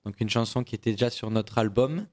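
A man's voice: fairly low pitch, fairly quick, darkish tone. A man from a band chatting casually in a radio studio interview, rambling a little with restarts. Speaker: band member.

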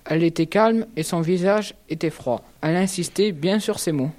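A woman's voice: fairly low pitch, moderate pace. A female student narrating a classic novel for a school radio drama, reading steadily. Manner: steady read-aloud storytelling.

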